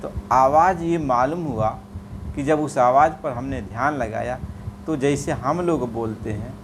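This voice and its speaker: A man giving a devotional sermon, repeating phrases and drawing out chanted verses in a slow, melodic way. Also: medium pitch, noisy background. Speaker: spiritual preacher.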